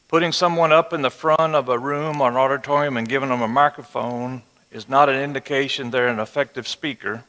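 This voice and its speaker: A man's voice: mid-range voice, a bit bright. A man in his sixties with a West Texas twang, teaching a Bible lesson to an audience in a folksy, conversational way with rhetorical check-in questions. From West Texas, United States. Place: large room or auditorium with a live audience. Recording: reverberant hall, amplified speech.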